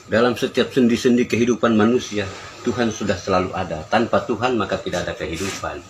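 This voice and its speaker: A man's voice: on the low side, steady tone, fast. An older man giving an informal religious discourse in an emphatic, aphoristic, teacherly way. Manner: emphatic, aphoristic, didactic delivery. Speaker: spiritual teacher answering questions. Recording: noisy ambient background.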